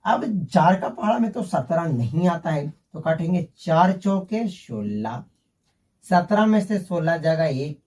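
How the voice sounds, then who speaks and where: A man's voice: a little high, dark tone, far from the mic. A man teaching a basic math lesson, working through sums step by step and calling his viewers "my friend".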